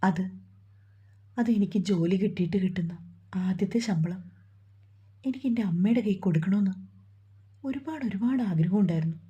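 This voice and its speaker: A gentle, sorrowful young woman in a romantic storybook, speaking softly, as a woman reads her lines. The voice is very husky and breathy, with a dark, mellow tone on a dull lo-fi recording. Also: medium pitch, moderate pace, long pauses. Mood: grieving. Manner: soft, sorrowful.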